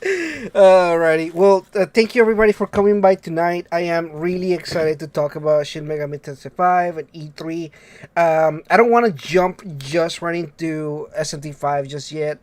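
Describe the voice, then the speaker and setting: A man hosting a casual gaming podcast, excitable and rambling, laughing often. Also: a little high, moderate pace, no room sound. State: under the weather. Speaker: podcast host.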